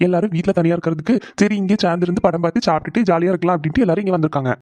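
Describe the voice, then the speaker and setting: A man voicing a caring husband in a cartoon, talking quickly and reassuringly. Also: sits high, a little mellow, dry recording, close to an everyday voice. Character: caring husband on the phone with his wife. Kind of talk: animated cartoon voice acting.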